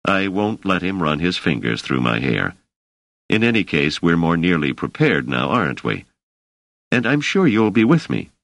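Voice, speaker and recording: A man voicing a curious, polite male scholar with a measured, mildly wry manner. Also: low-pitched, sing-song, vocal fry, fairly bright tone, no echo, full character voice.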